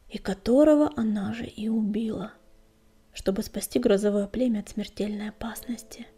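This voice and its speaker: This is a woman narrating a storybook in a hushed, whispery, breathy voice. She sits somewhat high in pitch, with a dark, mellow tone. Faint music runs beneath the reading. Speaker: audiobook narrator.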